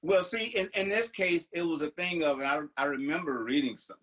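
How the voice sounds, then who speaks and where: Give me a husky older man chatting casually on a podcast, rambling through his stories. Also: on the high side, lively intonation, a little fast, a bit bright, poor audio. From United States. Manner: rambling storyteller, many restarts. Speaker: podcast co-host. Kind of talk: casual chat.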